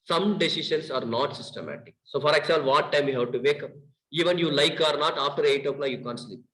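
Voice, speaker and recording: A middle-aged man with an Indian English accent teaches a class in a lively, questioning way, stringing points together in long lists. His voice sits fairly high. The room around him echoes noticeably. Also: quick pace. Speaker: lecturer. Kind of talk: classroom lecture.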